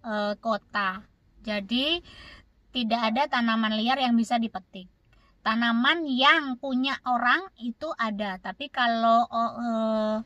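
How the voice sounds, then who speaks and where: An Indonesian woman with a fairly high, bright, forceful voice chats casually with her viewers, answering their questions in rambling, repetitive storytelling. She repeats words and fills gaps with "gitu," and the recording is dry.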